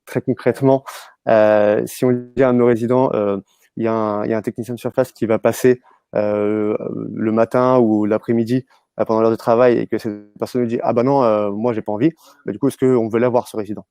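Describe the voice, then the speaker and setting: A man with a fairly low, mellow voice speaks as a panelist. He explains things conversationally with a halting delivery, and the sound is dry, free of room echo. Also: little pitch movement, clear, resonant tone. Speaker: panelist, building manager.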